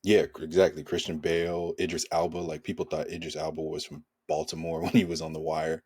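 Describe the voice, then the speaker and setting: A man's voice: very deep voice, little pitch movement, brisk, darkish tone, breathy edge. A man co-hosting a casual film discussion, laid-back and laughing at his own jokes. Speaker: podcast co-host.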